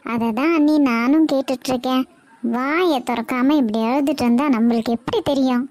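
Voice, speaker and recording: A bossy cartoon mother-in-law scolds with sharp scorn, voiced by a woman. Her voice is high, and the recording is dry. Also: brisk, no room sound, close to an everyday voice. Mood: scornful. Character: bossy middle-aged mother-in-law, scheming.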